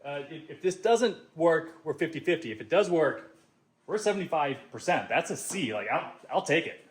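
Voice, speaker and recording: A man hosting a casual do-it-yourself vlog, talking to himself with excitable, self-mocking energy as he tests his tools. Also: a little high, moderate pace, roomy sound. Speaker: DIY video host. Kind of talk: casual vlog narration while testing tools.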